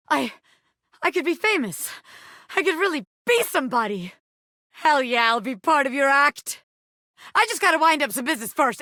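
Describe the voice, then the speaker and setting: Bright, swaggering wannabe crime boss Bobby Pin. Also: female voice, high voice, no echo, studio quality, heavily acted. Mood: amazed, excited. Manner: streetwise, swaggering, slangy tough talk. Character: scrappy living bobby pin, brash wannabe crime boss with showbiz dreams. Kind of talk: video game character dialogue.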